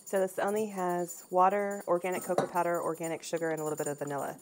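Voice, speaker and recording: A woman in her thirties casually talking through a recipe in her home kitchen, relaxed and chatty, picked up by a camera across the room. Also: on the low side, fast, soft background music. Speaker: home cooking vlogger. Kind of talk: casual cooking demonstration.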